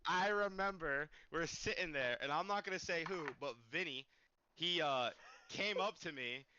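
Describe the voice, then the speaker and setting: A young man co-hosting a casual podcast, telling jokey stories in an animated way. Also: on the high side, normal speed, lo-fi sound, heavy background noise. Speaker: podcast co-host. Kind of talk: casual joking podcast chat.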